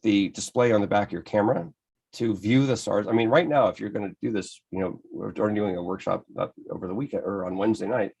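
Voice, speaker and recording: An American man presents a photography lecture over slides, enthusiastic and conversational. His voice sits low with gravel and a husky grain. He often stops and restarts as he explains. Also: a little mellow. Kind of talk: slide-based club lecture.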